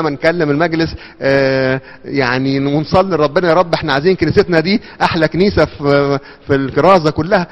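A man with an Egyptian accent giving a lively church talk, asking questions and answering them himself. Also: fairly high pitch. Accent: Egyptian Arabic. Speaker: church speaker. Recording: muffled sound with long hall reverb.

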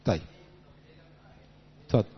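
A man with an Egyptian Arabic accent preaching a sermon to young people, talking conversationally and acting out little dialogues. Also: a little slow. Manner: lively, conversational, acts out quotes. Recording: lo-fi recording in a reverberant hall.

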